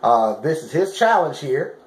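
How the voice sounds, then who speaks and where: A man with a fairly high-pitched voice talks informally, like a vlogger coaching his viewers. He repeats his points for emphasis and keeps checking that he is understood. The sound is roomy, with clear echo. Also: big pitch swings, measured pace. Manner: emphatic, repetitive coaching with frequent check-in questions; colloquial, informal phrasing. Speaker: fitness challenge vlogger giving advice. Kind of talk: casual motivational talk to camera.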